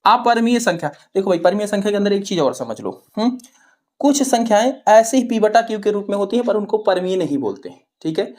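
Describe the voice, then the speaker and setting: A woman's voice: mid-range voice, animated, quick pace, a little mellow. A woman with a Hindi accent from Uttar Pradesh teaching maths. She asks questions, answers them herself and keeps checking with "ठीक है". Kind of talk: classroom-style explanation to students.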